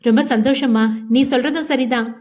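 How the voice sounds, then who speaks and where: A woman voicing a gentle, hesitant aunt. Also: high-pitched, a little fast, close to an everyday voice.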